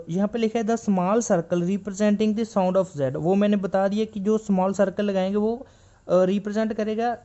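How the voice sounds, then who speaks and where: A man teaching shorthand in a classroom style, patiently repeating each point and reading textbook lines slowly. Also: sits high, dark tone, dull audio. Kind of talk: classroom explanation.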